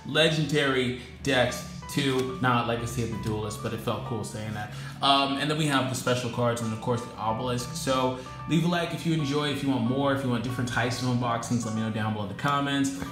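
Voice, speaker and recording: A man doing a casual unboxing vlog, listing off names and adding apologetic asides, recorded with an echoey room sound. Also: medium pitch. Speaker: YouTuber unboxing trading cards. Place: indoor home room with echo. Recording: echoey room with music behind.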